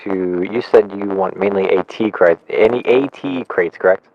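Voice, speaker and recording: Low-voiced man on a walkie-talkie, clipped call-and-response radio chatter. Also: moderate pace. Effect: over a walkie-talkie radio. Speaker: squad radio caller. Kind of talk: terse military radio calls. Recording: dull walkie-talkie radio with faint noise.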